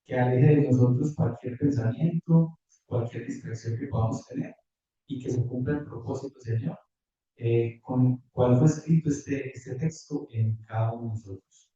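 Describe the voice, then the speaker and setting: A man preaching a sermon and reading scripture in a measured, careful way, recorded from afar in a church hall. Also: medium pitch, mellow. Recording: distant, echoey, muffled church audio.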